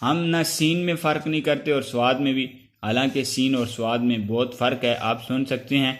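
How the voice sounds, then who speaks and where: A man's voice: medium pitch, fairly even intonation. Man teaching Quran recitation in Urdu. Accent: Pakistani Urdu. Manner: slow drawn-out chanted letters between spoken explanations; clears throat now and then. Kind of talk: step-by-step recitation lesson.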